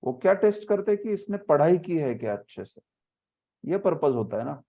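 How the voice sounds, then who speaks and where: Man, spiritual teacher, scripture class, patient examples, words sounded out slowly, muffled lo-fi audio. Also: fairly high pitch, sing-song, warm tone.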